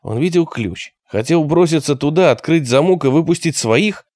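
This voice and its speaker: A man narrating an audiobook in an expressive storytelling manner. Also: fairly high pitch, moderate pace, no room sound, studio quality.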